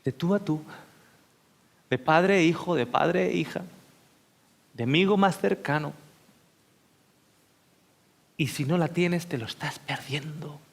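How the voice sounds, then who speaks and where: A male pastor preaching a sermon as heartfelt personal storytelling, often dropping to hushed whispers before speaking up with emphasis. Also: on the high side, gravelly. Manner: shifts between hushed whispers and louder emphatic speech.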